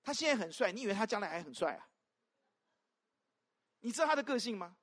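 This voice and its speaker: An animated pastor preaches to a congregation at a fast pace in a medium-pitched voice, constantly throwing rhetorical questions at the listeners. He swings between loud, emphatic calls and soft asides.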